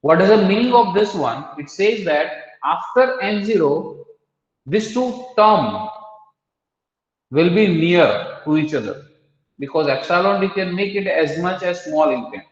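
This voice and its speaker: A man's voice: high voice, animated, a little slow. A man lecturing a mathematics class, explaining step by step and quizzing students. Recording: echoey hall, dull lo-fi sound.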